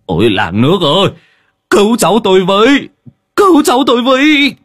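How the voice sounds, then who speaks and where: A man's voice: high voice, huge pitch swings, brisk, a bit bright, voice pushed up, exaggerated voice. A man voicing a panicked, weeping old grandfather who cries out for help in a storybook reading. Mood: desperate wailing. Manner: cries out in rising, strained wails.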